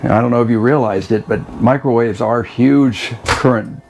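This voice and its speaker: Man, sixties, gravelly voice, technical explainer, RV vlog, lapel mic. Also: medium pitch, normal speed, slight background noise. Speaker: RV vlogger co-host. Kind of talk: casual explainer chat. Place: inside an RV kitchen.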